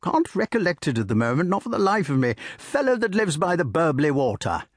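Male reader as hearty old storybook knight, raised pitch, lively, blustery. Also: a little fast, no room sound, studio quality. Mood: bluff hearty. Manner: bluff, clipped, hospitable.

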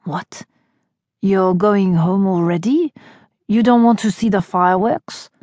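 A woman narrator voicing a calm, teasing young Frenchman who rescues the heroine, speaking gently and evenly. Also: mid-range voice, no room sound, lightly acted. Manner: gentle and teasing, slow and even.

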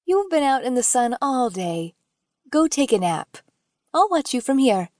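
A woman's voice: high voice, sing-song, measured pace, no room sound, clean studio sound, pitched above the performer's own voice. A woman narrator voicing a caring young mother who comforts and scolds her son. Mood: soothing. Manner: tender but sharp when scolding.

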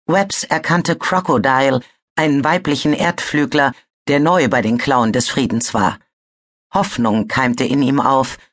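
A woman narrating a fantasy audiobook in a measured storytelling manner. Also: extremely low pitch. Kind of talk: scripted narration.

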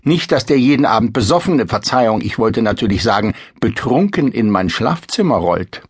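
A man voicing a sharp-tongued, theatrical young princess in a storybook reading. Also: lowish voice, lively intonation, moderate pace, husky, dry recording, clean studio sound. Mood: mocking. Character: haughty, mocking young princess.

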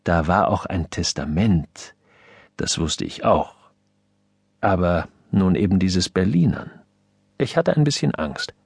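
A man reading a humorous story aloud as an audiobook narrator, with an expressive, mock-stern manner, on a close studio microphone. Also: deep voice, slow, creaky, long pauses, breathy edge, dry recording.

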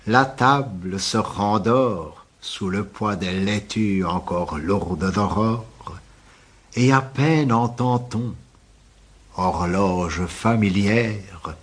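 Slow husky older man reciting poems. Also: low-pitched, a bit bright. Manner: slow, measured, lilting verse delivery. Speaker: poet reading his own poems. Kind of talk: poetry recitation.

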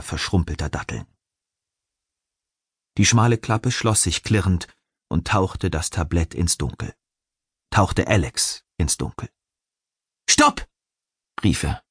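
A man reading an audiobook in measured, suspenseful narration. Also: low-pitched, slightly rough, no room sound, clean studio sound. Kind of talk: scripted narration.

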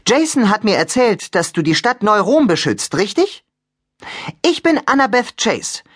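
A man voicing a calm, clever teenage girl in an audiobook, speaking in a level-headed, placating way. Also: sits high, unhurried, breathy edge, voice pushed up, heavily acted. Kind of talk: audiobook character voice.

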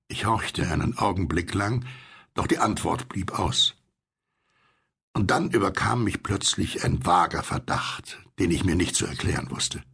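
A man reading a horror story as an audiobook narrator, in a measured, suspenseful storytelling manner. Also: deep voice, creaky, a bit bright, slightly rough.

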